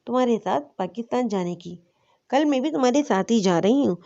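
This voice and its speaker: A woman's voice: fairly high pitch, gravelly, muffled recording. A woman reading as a breezy, teasing young woman. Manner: lively, teasing.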